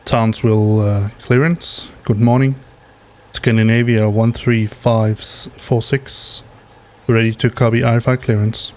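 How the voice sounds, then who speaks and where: Man, sim pilot, mid-range voice, radio readbacks, relaxed casual commentary. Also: mid-range voice, slow pace. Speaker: flight simulator streamer acting as pilot.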